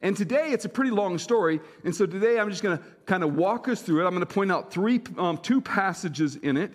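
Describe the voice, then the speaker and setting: High-voiced pastor in a reverberant hall. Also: male voice, expressive, brisk. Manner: conversational storytelling, repeats phrases for emphasis. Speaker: senior pastor. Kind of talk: sermon.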